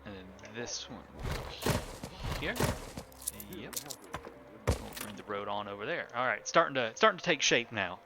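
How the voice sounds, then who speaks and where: Over a very noisy background, a man with a mid-range voice talks at normal speed while livestreaming a building game. He's laid-back, chatting to himself as he builds and talking with his viewers.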